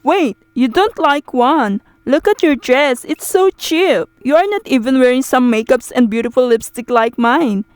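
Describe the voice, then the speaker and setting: A woman's voice: high-pitched, lively intonation, measured pace, hardly any pauses, clear, resonant tone, dry recording, pitched below the performer's own voice. A woman voicing a snobbish, rude rich young woman who talks down to others. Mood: sneering. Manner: haughty, sneering, drawn out.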